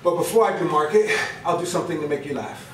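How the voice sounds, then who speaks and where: A man's voice: on the high side, fast, distant mic, slight background noise. A middle-aged man from New Jersey with a New Jersey accent, performing spoken word in a small bar and joking loosely and profanely with the crowd. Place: small brick-walled bar lounge, indoors. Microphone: stand mic, recorded by a far camera. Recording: roomy live bar sound from afar. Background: audience ambience and laughter.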